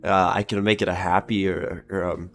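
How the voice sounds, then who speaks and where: Low-voiced man chatting through a game build. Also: normal speed. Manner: relaxed, joking, trails off with ums. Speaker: streamer building a ship in a game. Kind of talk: casual gaming chat. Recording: faint music behind.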